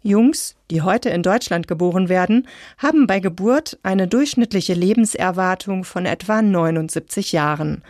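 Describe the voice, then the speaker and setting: A woman reading a calm, scripted science radio feature. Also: fairly low pitch, moderate pace, no room sound, studio quality. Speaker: radio narrator.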